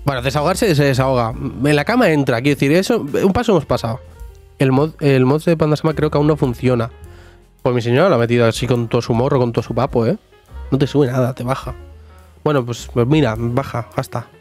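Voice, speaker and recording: A man's voice: medium pitch, quick pace, a little mellow, faint music behind. A man streaming a life-sim game live, chatting jokily with viewers and talking to his character. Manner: chatty, jokey, talks to chat and to the sim. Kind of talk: casual live gameplay chat.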